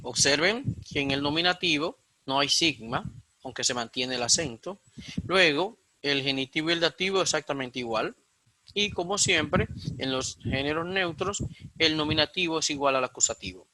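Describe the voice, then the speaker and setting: A man's voice: on the high side, normal speed, sharp tone, rough recording. A man with a Dominican accent teaching a recorded Koine Greek class, explaining things step by step with frequent fillers and self-corrections, and repeating points for emphasis. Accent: Dominican Spanish. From Dominican Republic.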